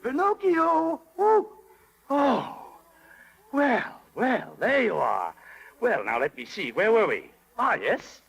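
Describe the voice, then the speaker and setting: Chirpy high-pitched little cricket. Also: male voice, slow pace, creaky, husky, exaggerated voice. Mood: excited, then musing. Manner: singsong, excitable. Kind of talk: 1930s radio acting. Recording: old radio broadcast with music.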